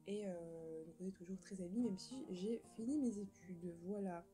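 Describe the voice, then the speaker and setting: A woman's voice: lowish voice, moderate pace, over music, rough recording. A young woman chatting casually about books she plans to read, rambling and joking at herself, with many fillers and restarts. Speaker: book vlogger. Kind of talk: casual chat.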